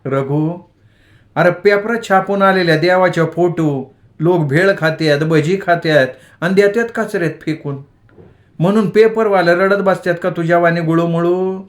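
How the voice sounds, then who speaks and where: A man puts on a fond village mother in a storybook reading, her voice lifted well above his own and sounding lively. She coaxes and chides in homely country speech, scolding only out of love. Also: sits high, moderate pace, voice pushed up, close to an everyday voice. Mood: coaxing, tender. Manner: coaxing, chiding village dialect. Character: affectionate rural village mother, scolding tenderly. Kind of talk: dramatized audiobook storytelling.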